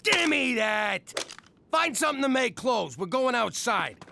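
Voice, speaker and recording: Brash, indignant ex-mobster for adult cartoon, sharp gravelly high register, bossy delivery. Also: male voice, very animated, unhurried, a little hiss or hum, full character voice. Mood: exasperated. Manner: brash, slangy.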